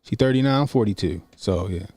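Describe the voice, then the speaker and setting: A man's voice: fairly low pitch, expressive, brisk, darkish tone, slightly rough, dry recording. A man in his early forties chatting loosely and profanely as he sets up a video to react to. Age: 40s. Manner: loose, profane, thinking aloud. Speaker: reaction streamer. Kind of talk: casual commentary.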